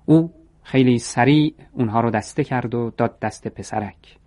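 A man narrating a story in a steady, measured reading voice. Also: medium pitch.

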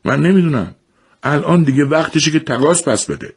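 Man doing angry grown son, shouting, accusing, raised pitch, husky. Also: lively intonation. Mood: furious.

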